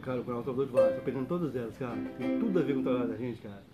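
A man who works as a mamulengo puppeteer, explaining his craft casually and speaking in quick bursts with restarts. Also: mid-range voice, lo-fi sound. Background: loud guitar music.

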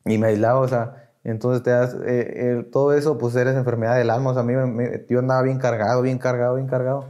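On a muffled recording, a young podcast guest with a Mexican accent chats casually, relating his story in slang with genuine feeling and imitating the voices of those he quotes. He speaks briskly with few pauses, in a flat, dark, mid-range voice.

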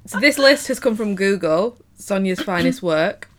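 A woman's voice: medium pitch, animated, normal speed. A young woman hosting a podcast, chatting casually in a playful way and laughing often. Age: 20s. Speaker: podcast host. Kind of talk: casual chat.

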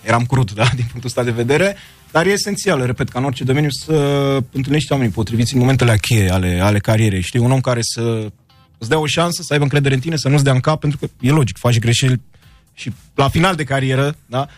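A man, a football commentator, talking as a guest in a radio studio interview, explaining his work in a relaxed, fluent way. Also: mid-range voice, faint music behind.

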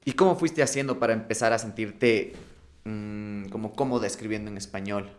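A man interviewing a guest in a relaxed, slangy way, often finishing her sentences. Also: fairly low pitch, normal speed. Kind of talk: casual interview chat.

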